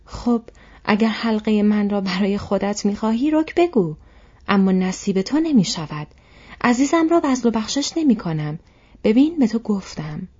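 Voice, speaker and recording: A shrill, insistent old male hobbit who clings to what he owns, performed by a woman reading a storybook aloud. His voice is mellow underneath and breathy, thrown up high whenever he presses his claim. The storybook recording sounds dull and lo-fi. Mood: angry, possessive.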